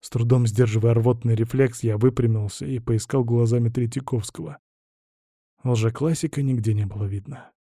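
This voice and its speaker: A man narrating a first-person audiobook in a gruff, blunt, dramatic reading. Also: mid-range voice, fairly even intonation, moderate pace, mellow, dry recording, clean studio sound.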